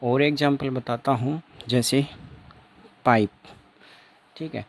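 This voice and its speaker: A man's voice: medium pitch, fairly even intonation, slow pace. A man teaching an exam-prep phonetics lesson, repeating each sound and example several times.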